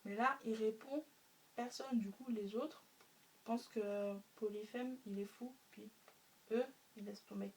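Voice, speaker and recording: A woman's voice: a little high, fairly even intonation, a little slow. A woman retelling a story for a class, hesitant, with many fillers and spoken sound effects. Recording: faint room noise, mic a bit distant.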